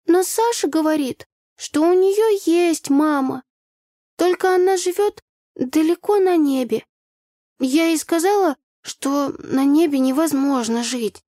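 A small, earnest girl with a high, bright little voice, as a woman narrator puts her on, asking one slow question after another. Her tone is soft and mellow, recorded close and dry for a storybook reading. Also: no room sound. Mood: puzzled, wondering. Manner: questioning, drawn-out childlike phrasing. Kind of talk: audiobook character voice.

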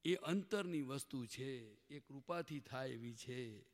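A man's voice: mid-range voice, takes it slowly. Man preaching in a reverberant hall. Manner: questions the audience and prods them to answer. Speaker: spiritual teacher. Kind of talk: satsang sermon to a gathering.

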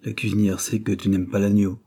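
A man's voice: fairly low pitch, level tone, brisk, warm tone. A man reading aloud voices an indulgent wealthy mother who soothes her sons at dinner. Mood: soothing.

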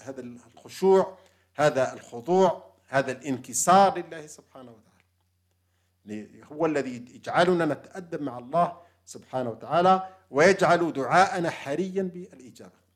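A man's voice: a little high, normal speed. A man giving an earnest, unscripted spiritual lecture on prayer and humility, with frequent fillers and restarts. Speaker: religious lecturer.

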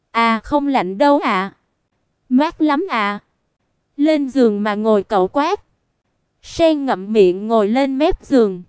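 A woman reads a story aloud, taking each character's lines in turn. Her voice sits high and comes out exceptionally clear. She keeps an unhurried pace, recorded close in a dry room. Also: a little mellow, no echo. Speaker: audiobook narrator. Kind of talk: storybook narration with dialogue.

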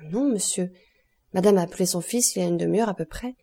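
A woman's voice: on the low side, fast, warm tone, husky. A woman reading the lines of a respectful male house valet in an audiobook, with plain, deferential replies.

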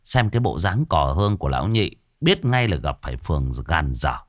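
A man narrating a ghost story in an expressive, folksy storytelling manner. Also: low voice, a little fast, no echo, studio quality.

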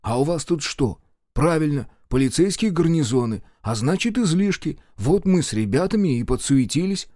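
A man voicing a sly, fussy, short army quartermaster who talks in an excitable, wheedling way. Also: on the high side, moderate pace, dry recording, studio quality, voice pushed up.

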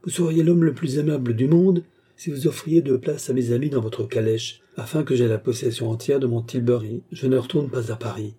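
A man's voice: mid-range voice, fairly quick, dark tone, breathy edge, lightly acted. A man voicing a phlegmatic English baronet, speaking in a polished, formal and courteous way. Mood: suave.

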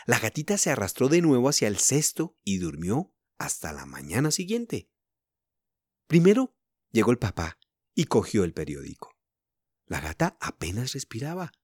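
A man reads a children's story, speaking to young listeners. His pitch rises and falls expressively. The recording is dry and close. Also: wildly swooping pitch, moderate pace, darkish tone, husky, dry recording.

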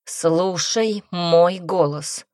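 A woman's voice: low voice, unhurried, a little mellow, dry recording, clean studio sound. A woman voicing a male prince who speaks steadily and urges the heroine on with commands. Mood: commanding.

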